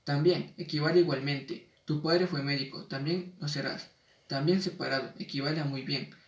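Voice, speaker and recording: Man, spelling lesson read aloud, measured and slowing for examples, higher voice, echoey room, a bit off the mic. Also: steady tone, far from the mic.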